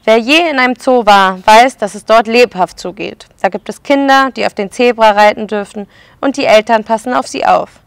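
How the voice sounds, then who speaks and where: A woman preschool educator reading a picture book aloud to children and pausing to explain the pictures. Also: a little high, vocal fry, clear, resonant tone, dry recording.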